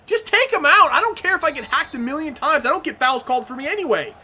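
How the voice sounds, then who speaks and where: Woman gaming commentator, lively swooping voice, bright tone, swears, shouts at goals, faint music behind. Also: high voice, quick pace. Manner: excitable, swearing, shouts at big plays. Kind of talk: video game commentary.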